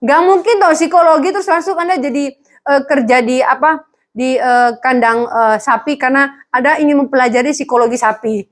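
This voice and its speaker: A woman pastor preaching to students, lively, with jokes and small acted dialogues. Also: high-pitched, fairly quick. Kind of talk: sermon to students.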